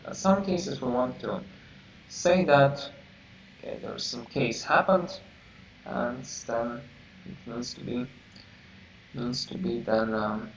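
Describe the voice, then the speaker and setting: A man teaching a programming class, halting and searching for words as he explains, heard from a distance. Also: mid-range voice. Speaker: programming instructor. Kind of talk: live coding lecture. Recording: roomy, distant, dull lo-fi mic with faint hiss.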